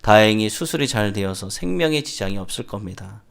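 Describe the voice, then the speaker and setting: A man voicing a patient, polite male doctor who speaks softly and soothingly. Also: fairly low pitch, lively intonation, brisk, creaky. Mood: calm polite. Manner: soft and soothing.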